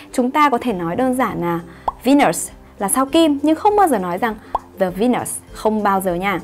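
A woman's voice: fairly high pitch, darkish tone. A woman English teacher, explaining grammar in an online lesson and often asking her students whether they follow. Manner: explains patiently, asks "right?" to check understanding.

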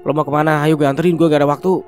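A man's voice: on the high side, steady tone, very fast, lightly acted. A man voicing a brash young husband who talks bluntly and curtly, with faint music behind. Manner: curt and blunt.

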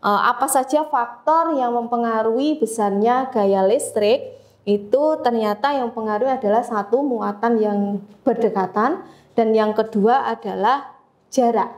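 Lady teacher going over a physics lesson, kinda high voice, lots of "eh" and pauses. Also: a little mellow. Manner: measured explaining with frequent fillers. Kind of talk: classroom lecture.

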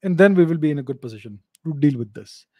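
A middle-aged man hosting a live video Q&A, talking into a close studio microphone in a home study. He explains in a measured way and repeats his key points. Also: fairly high pitch, animated, dry recording, dull audio. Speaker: host answering live video call questions. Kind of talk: live video chat Q&A on geopolitics. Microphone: studio mic on a boom arm, close.

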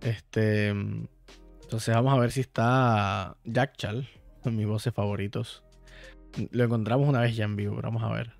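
A man's voice: on the low side, steady tone, measured pace, creaky. Playful, profane male game streamer. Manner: profane, playful, talks to chat directly. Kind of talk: casual live-stream chat while playing. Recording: dry sound, faint background music.

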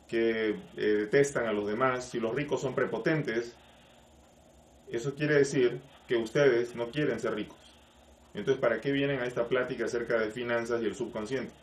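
A man's voice: medium pitch, recorded from a distance, a little hiss or hum. Man teaching in an echoey room. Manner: explanatory, uses rhetorical questions, greets viewers by name. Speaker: life coach and spiritual teacher. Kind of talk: live-streamed talk to online viewers.

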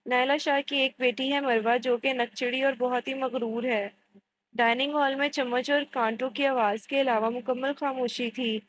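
A woman narrating a romance novel aloud in a steady storytelling manner. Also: sits high, low-quality recording. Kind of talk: romance novel audiobook reading.

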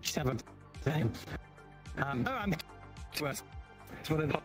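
A guest streamer talking casually over a phone voice chat whose audio keeps cutting in and out, speaking haltingly and trailing off mid-sentence. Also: medium pitch, animated, soft background music. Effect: choppy audio cutting in and out, like a loose connection.

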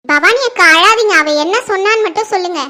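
A performer voicing a kind young sister-in-law who asks gently and reasons with others in a family drama skit. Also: extremely high pitch, quick pace, heavily acted. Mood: concerned.

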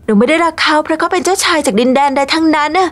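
An actress playing a lovestruck young daughter who is excited and stubborn, in a dubbed drama. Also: female voice, high voice, racing. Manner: excited, pleading, childlike.

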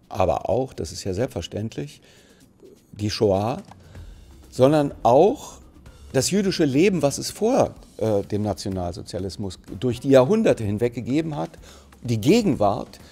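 A middle-aged actor from Berlin, Germany, with a medium-pitched, warm voice and a light Berlin accent answers interview questions for a museum anniversary. Seated and framed mid-shot to camera in a plain, bright indoor studio, he is thoughtful and searches for words, with many fillers and restarts.

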